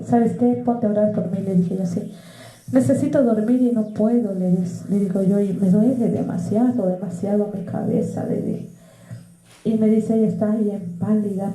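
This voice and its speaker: A woman's voice: fairly high pitch, dark tone, roomy sound, rough recording. A woman with a Mexican Spanish accent, preaching a testimony sermon in a storytelling manner, often calling out to her brothers in the faith. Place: church.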